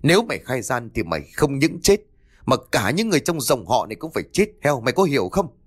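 A man's voice: mid-range voice, very animated, moderate pace, slightly rough. A man voicing a stern, furious older male clan head who scolds harshly and wails in grief, in a spoken ghost story. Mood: furious scolding.

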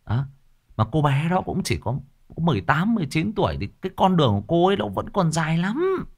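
Animated man. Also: on the high side, fast talker, breathy edge. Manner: animated, blunt big-brother advice, mocking at times. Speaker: streamer giving life advice. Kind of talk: casual livestream talk.

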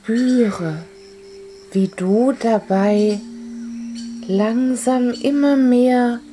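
A woman narrating a guided relaxation in a soft, dreamy, soothing voice, calmly and with long pauses. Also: a little high, a little hiss or hum. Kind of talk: guided relaxation, scripted fantasy-journey narration.

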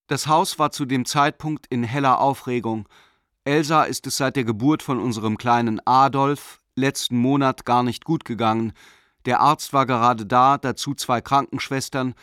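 In a radio play, an actor reads a letter as a middle-aged German banker turned Nazi believer who justifies himself, keeping the delivery controlled and formal. His medium-pitched male voice sounds natural and fairly bright, recorded clean in a studio with no room sound.

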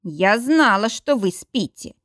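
A woman performs an enraged, heavyset older wife who shrieks and growls threats. The voice swings wildly between high screams and low, slow snarls, and it sounds close and dry. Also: lively intonation, fairly bright tone, dry recording. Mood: menacing.

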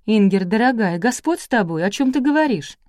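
A woman's voice: on the high side, animated, a little fast, darkish tone, dry recording, clean studio sound, close to an everyday voice. A woman reading aloud, voicing a spiteful, sly village gossip with a terse, biting manner.

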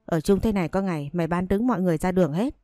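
A woman's voice: lowish voice, rapid-fire, dry recording, lightly acted. A woman voicing a harsh, scolding landlady in a spoken story. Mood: angry. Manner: scolding, sharp.

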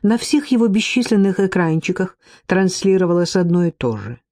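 A man reading an audiobook aloud in a measured, unhurried way, lowering his voice for the characters' dialogue. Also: sing-song, darkish tone, no room sound, studio quality. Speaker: narrator. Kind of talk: audiobook narration.

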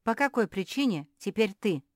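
A woman voicing an indignant, bossy female dog servant who shouts and scorns everyone in a storybook reading. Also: medium pitch, sing-song, normal speed, no echo, studio quality, voice pushed up. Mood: furious.

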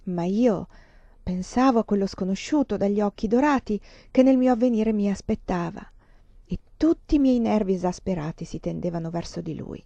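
A woman giving an expressive, dramatic reading of a first-person novel. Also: medium pitch, moderate pace, vocal fry, dry recording. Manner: dramatic, emotive delivery. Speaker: reader of a novel. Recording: dry, slightly dull lo-fi recording.

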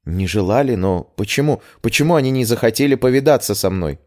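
A man's voice: medium pitch, animated, a little fast, a little mellow, voice pushed up, close to an everyday voice. A man voicing a proud, upset young noble heroine in an audiobook, speaking in emotional, pleading questions.

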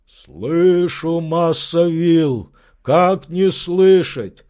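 A man reading an audiobook, voicing a sly old male servant who drawls loudly from far up. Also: fairly high pitch, pitched above the performer's own voice. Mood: calling out. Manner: slow drawl, calls out from afar.

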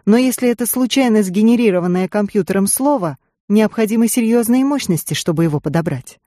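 A reader voicing a tough, battered female agent who speaks tersely and gruffly. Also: mid-range voice, expressive, fairly quick, warm tone, dry recording, clean studio sound, pitched above the performer's own voice, lightly acted.

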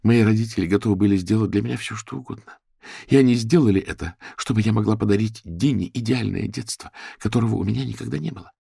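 A man's voice: fairly low pitch, fast talker, vocal fry, mellow, slightly rough, no room sound, studio quality, full character voice. A man voicing a bitter, paranoid young single mother who speaks in a venomous, accusing way.

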